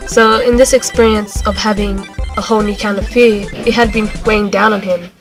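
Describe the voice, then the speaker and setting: A woman's voice: mid-range voice, fairly even intonation, moderate pace, over music. A young woman giving casual, conversational rebuttals in an informal book debate. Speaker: student debater.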